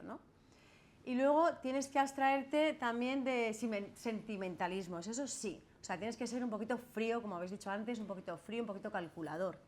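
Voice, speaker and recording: Chatty Spanish woman lawyer lecturing. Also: mid-range voice. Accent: Spanish from Spain. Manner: chatty, asks "¿vale?" and "¿no?" often, acts out quoted voices. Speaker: lawyer giving a masterclass. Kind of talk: lecture to students with Q&A. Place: classroom.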